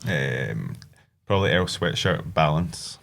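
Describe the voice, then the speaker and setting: Very deep, rambling guest. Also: male voice, big pitch swings, takes it slowly, gravelly, fairly bright tone, slight background noise. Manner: rambling, easygoing, many fillers. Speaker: podcast guest. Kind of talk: casual chat.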